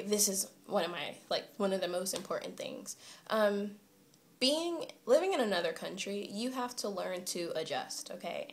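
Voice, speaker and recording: A young American woman in her twenties, venting to the camera in a vlog with a chatty, emphatic way of talking and lots of "like" and "okay?". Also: lowish voice. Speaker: vlogger. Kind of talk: casual rant to camera.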